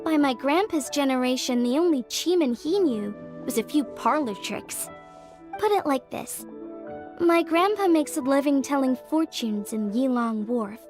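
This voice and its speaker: This video game voice acting comes from a cutscene with soft music underneath. A young woman, high-pitched yet darkish in tone, plays an earnest craftswoman of a fortune-telling clan, explaining with lively intonation in an unhurried, modest, careful way.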